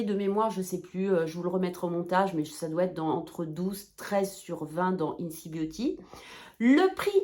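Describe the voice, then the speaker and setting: A woman chatting casually to her viewers in a shopping haul video, bubbly and excitable, rambling and breaking into playful exclamations. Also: medium pitch. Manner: talks straight to viewers, chatty and informal.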